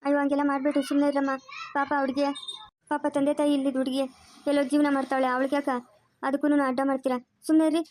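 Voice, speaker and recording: A woman's voice: high voice, level tone, fast talker, slight background noise, close to an everyday voice. A woman doing a kind village neighbour woman. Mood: pleading. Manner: pleading, scolding gently. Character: kind middle-aged village neighbour woman, fair-minded.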